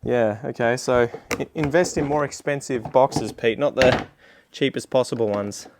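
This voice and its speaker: A man's voice: medium pitch, moderate pace, noisy background. An Australian man chatting casually while demonstrating a task, in a rambling, self-deprecating, slangy way. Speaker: gardening video creator.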